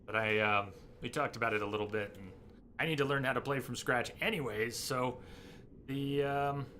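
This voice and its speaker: A man giving casual live gameplay commentary as a streamer, haltingly thinking aloud. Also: mid-range voice, fairly even intonation, pushed and bright. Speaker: video game streamer. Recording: noisy, game sound behind voice.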